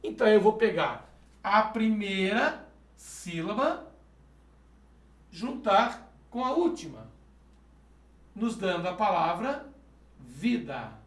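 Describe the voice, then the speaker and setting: Man, math teacher, high voice, methodical step-by-step explaining, echoey room. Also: big pitch swings, slow, pauses often. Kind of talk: video lesson solving exercises.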